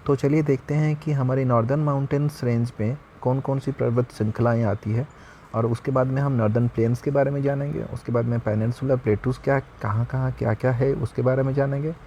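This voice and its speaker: A man's voice: medium pitch, steady tone, fairly quick, warm tone, a little hiss or hum. A man teaching a geography lesson online, explaining step by step in a chatty way and addressing viewers as friends.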